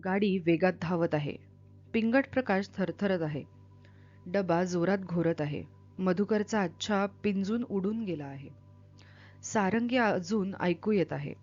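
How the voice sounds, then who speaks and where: A woman reading a novel aloud with expressive, dramatic delivery, then explaining it as a literature teacher. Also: on the low side, measured pace, muffled recording, soft background music.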